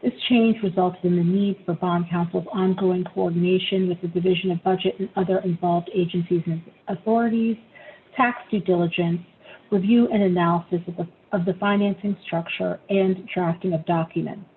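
A woman presenting an agenda item over a teleconference line in a steady, businesslike way. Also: lowish voice, moderate pace. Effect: heard over a teleconference line. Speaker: staff presenter. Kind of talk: formal scripted presentation. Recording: tinny phone-line sound, faint noise.

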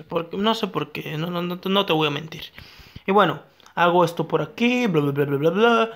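A young man with a slightly high voice gives excitable live gameplay commentary as a gaming YouTuber, talking to himself and his viewers and repeating his phrases.

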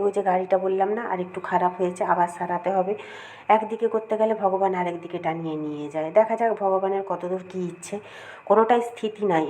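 A middle-aged woman chatting casually to her viewers at home, rambling about her day, with a cold and a slightly hoarse throat. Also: mid-range voice, dark tone, slight background noise. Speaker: vlogger. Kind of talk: casual daily-life vlog chat.

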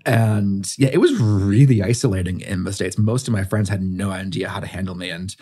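Low-voiced man telling relaxed stories. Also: brisk, breathy edge. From Bermuda. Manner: relaxed storytelling, heavy use of "like" and "um". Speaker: podcast guest. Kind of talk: casual conversational interview.

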